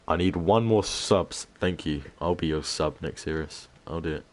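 A man streaming a game, bantering with viewers in a hushed voice and swearing freely. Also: sits low, normal speed. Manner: laid-back banter, heavy swearing; keeps voice down, hushed. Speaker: gaming streamer. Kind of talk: casual live-stream commentary.

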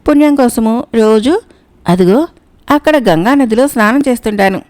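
A woman's voice: on the high side, lively intonation, moderate pace, darkish tone, lightly acted. A woman voicing a sly male cat who poses as pious and meek, talking in a fawning, pleading way. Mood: pleading flattery. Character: sly male cat feigning holy meekness.

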